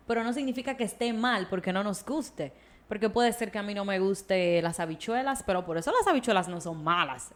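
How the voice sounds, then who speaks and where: Woman explaining at length. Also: mid-range voice. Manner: explanatory, slips into acted quotes. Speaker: psychologist guest. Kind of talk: casual podcast conversation.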